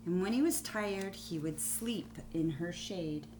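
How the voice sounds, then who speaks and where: A woman teacher reading a children's story aloud, deliberate and expressive, with pauses between phrases. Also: fairly low pitch, noisy background.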